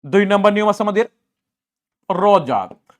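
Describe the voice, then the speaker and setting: Running an exam-prep grammar class, this male teacher with a Bangladeshi Bengali accent drills students with repeated back-and-forth questions and answers. He speaks briskly and colloquially, his voice sitting high with lively intonation.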